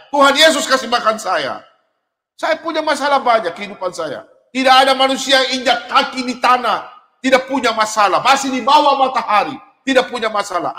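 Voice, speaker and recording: A middle-aged man preaching a sermon in an animated way, laughing and at times shouting. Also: very high voice. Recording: long hall reverb.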